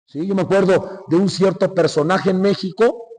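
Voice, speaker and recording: A man's voice: high-pitched, fairly even intonation, moderate pace, a little mellow. A man from Mexico, a priest giving a conversational Lenten sermon with dramatic retelling and frequent questions to the congregation. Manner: conversational, asks the congregation "¿sí?" often; dramatic retelling with shifting volume. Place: church. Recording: long church reverb. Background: hall reverb.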